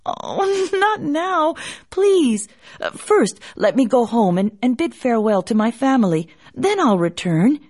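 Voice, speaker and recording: A frightened woodcutter pleads with a stammer, his voice pushed up high, as a woman puts him on. The delivery is husky and jumps around in pitch. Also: very animated, a little slow, a little mellow. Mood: pleading.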